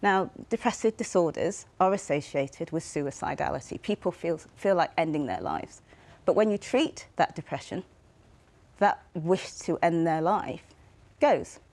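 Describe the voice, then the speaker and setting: Measured woman psychiatry leader. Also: on the low side, sing-song, darkish tone. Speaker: psychiatry spokesperson. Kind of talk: interview clip.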